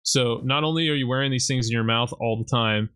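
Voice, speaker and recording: A man co-hosting a podcast in casual chat, blunt and quick to swear while he rants. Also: mid-range voice, a bit bright, clear, resonant tone. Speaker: podcast co-host.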